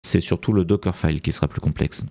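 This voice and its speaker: A man's voice: sits low, fairly even intonation, quick pace, darkish tone. A man with a French accent talking through a screen-recorded tutorial, thinking aloud and hesitating with many fillers. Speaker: tutorial presenter.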